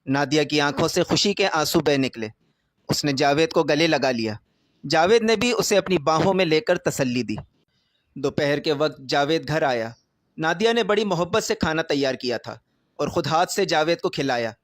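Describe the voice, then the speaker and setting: Male narrator for a romance story; high pitch, dry studio sound, steady read. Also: dry recording.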